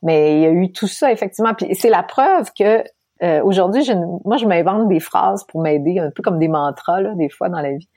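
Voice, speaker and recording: A middle-aged woman from Quebec with a Québécois accent, telling her story as an interview guest, animated and laughing often. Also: lowish voice, normal speed, dry recording, clean studio sound. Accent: Québécois French. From Quebec, Canada. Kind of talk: candid storytelling in conversation.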